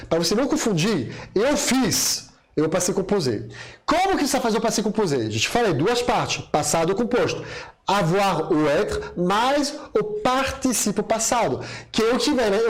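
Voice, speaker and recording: A native French-speaking man teaching a French grammar lesson, lively and drilling pronunciation with his learners. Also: sits high. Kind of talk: online language lesson.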